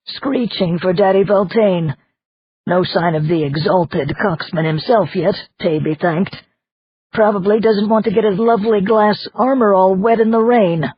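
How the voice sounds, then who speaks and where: A reader doing a loud, brash little peg-legged man. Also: mid-range voice, slightly rough, voice pushed up, close to an everyday voice. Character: gruff little one-legged man, boisterous. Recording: dull lo-fi audiobook recording.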